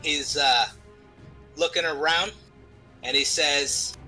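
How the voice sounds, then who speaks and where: A man's voice: a little high, slow, pushed and bright, soft background music, rough recording. A man narrating as game master of a tabletop game, loose and full of fillers.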